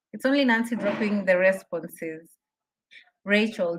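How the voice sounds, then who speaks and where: Low-pitched woman leading a webinar. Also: low-quality recording. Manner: encouraging, prompting, repeats questions and checks understanding. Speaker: trainer leading an online business session. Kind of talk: interactive webinar teaching, reading out chat responses.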